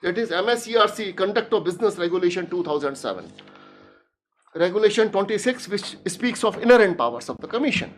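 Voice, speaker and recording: A woman lawyer making a formal courtroom argument, reading legal text deliberately and emphatically, repeating key phrases. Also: mid-range voice, expressive, soft background music. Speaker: lawyer arguing before a judge. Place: courtroom live stream.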